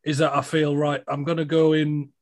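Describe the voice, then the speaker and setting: Chatty Northern English man, fairly high voice. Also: level tone, moderate pace. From Northern England. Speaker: actor. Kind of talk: casual chat.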